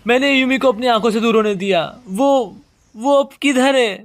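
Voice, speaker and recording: A man's voice: very high voice, moderate pace, no echo. A man reading a hot-headed young climber. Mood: scolding. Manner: urgent, scolding.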